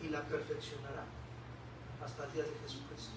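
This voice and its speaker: A man's voice: fairly high pitch, monotone, a little fast. A man with a Mexican Spanish accent preaching a sermon as pastor, emphatic and full of rhetorical questions to the congregation. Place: church hall. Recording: echoey hall, distant mic, audible room noise.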